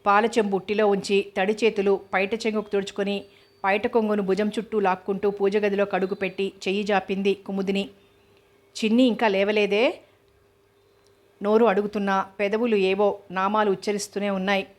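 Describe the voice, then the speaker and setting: Audiobook narrator, woman, mid-pitched voice with little melody, steady novel reading. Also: brisk.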